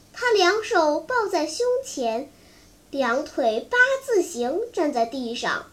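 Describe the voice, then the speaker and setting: A storyteller reading a long storybook aloud in a slow, careful way. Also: sits high, fairly bright tone.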